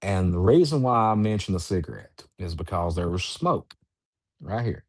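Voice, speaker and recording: Deep-voiced man telling a spooky story. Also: animated, darkish tone, dry recording, studio quality. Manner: slow, halting storytelling with restarts. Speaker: guest, Bigfoot researcher. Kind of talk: storytelling in an interview.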